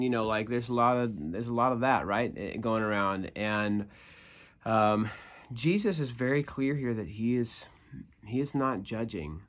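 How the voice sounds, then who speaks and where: A man speaking as an upbeat youth pastor, giving an informal, conversational devotional with slangy phrasing and emphatic repetition. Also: lowish voice. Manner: upbeat youth-pastor delivery, casual and animated. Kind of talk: informal youth devotional talk with scripture reading.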